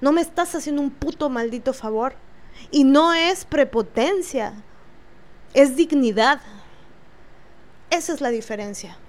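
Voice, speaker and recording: A woman with a Mexican Spanish accent, telling an angry first-person account in an indignant way, swearing freely and pausing on fillers. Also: high voice. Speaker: vlogger.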